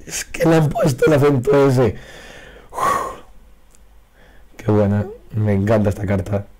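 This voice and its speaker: Man, hoarse, losing his voice, excitable card game commentary. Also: fairly low pitch, a little slow. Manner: excitable, reacts loudly to pulls. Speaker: card game video creator. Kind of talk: casual pack-opening commentary. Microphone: faulty broken microphone.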